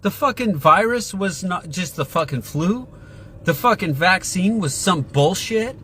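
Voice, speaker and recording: A man's voice: sits high, lively intonation, a little slow, pushed and bright, slight background noise. A man delivering an agitated, profane monologue to his viewers, repeating himself and constantly asking if they know what he means. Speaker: vlogger.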